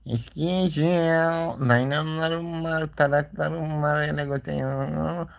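A man playing a junk peddler, hawking his wares in a melodic, drawn-out street vendor shout. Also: fairly high pitch, steady tone, creaky, voice pushed up. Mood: sing-song hawking.

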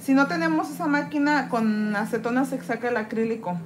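A chatty woman from Mexico, talking in a somewhat high voice as she files acrylic off her nails. She reads viewer comments aloud, answers them and greets each viewer by name. A faint hum of the nail drill and the room sits under her voice. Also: fairly quick. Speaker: nail tech streamer. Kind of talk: casual live-stream chat. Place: indoors at a nail desk.

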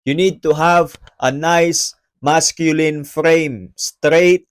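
Brash male vlogger; voice sits fairly high; emphatic, swaggering advice. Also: fairly even intonation, drawn-out words, clean tone. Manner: brash, emphatic, preachy bro-talk with swearing. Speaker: self-help vlogger. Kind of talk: motivational advice talk, mixing Tagalog and English.

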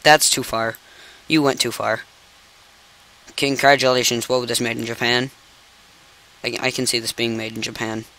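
Young man, let's play commentary, incredulous outbursts, slow unhurried delivery, bright clean tone. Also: medium pitch, rough recording. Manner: incredulous, exclaiming "no" over and over. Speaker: gaming channel host.

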